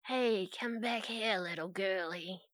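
A woman voicing a creepy, predatory stranger lurking in a dark forest, menacing and coaxing, for a tabletop game. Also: mid-range voice, slow pace, no echo, clean studio sound. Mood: sinister coaxing.

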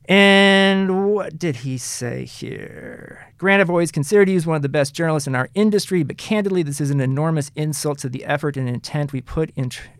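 A man hosting a casual soccer talk show, animated and emphatic, often stopping and restarting his sentences. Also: on the high side, a little fast, few pauses, clean tone, dry recording, studio quality. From Kansas City area, United States. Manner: animated, emphatic, self-interrupting. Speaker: podcast host.

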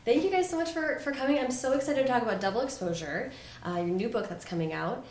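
A woman's voice: on the high side, lively intonation, fast talker, a little mellow, reverberant. A woman hosting a podcast, asking questions in an upbeat, enthusiastic way. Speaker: podcast host. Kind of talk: casual interview.

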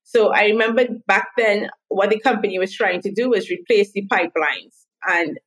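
A woman's voice: mid-range voice, moderate pace, a bit bright, rough recording. A woman in her thirties from Trinidad and Tobago, chatting as a podcast guest and telling stories from her work. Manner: chatty storytelling. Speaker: guest, marketing consultant. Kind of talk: podcast interview.

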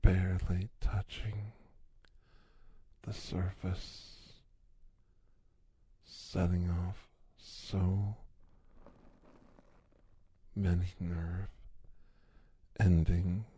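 A deep-voiced man talks in an unhurried, intimate murmur that keeps sinking into whispers. His tone is dark and mellow and his voice is husky and breathy. The recording is dry, with no room sound around him. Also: little pitch movement, no echo. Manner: slow, soft, lingering delivery with long pauses; drifts between low voice and whisper. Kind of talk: intimate ASMR roleplay.

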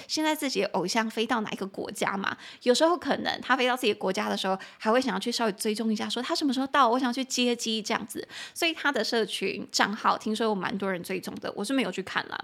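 A woman hosting a podcast English lesson, chatty and going slowly when she spells words and syllables. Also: on the high side, creaky, a bit bright. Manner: chatty asides to the listener. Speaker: podcast host and English teacher.

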